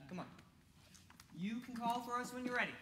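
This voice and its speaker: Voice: medium pitch, a little fast, close to an everyday voice. An actor playing a surly, lazy young heir on stage, defiant and grumbling. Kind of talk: amateur stage acting. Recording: echoey stage recording with faint hiss.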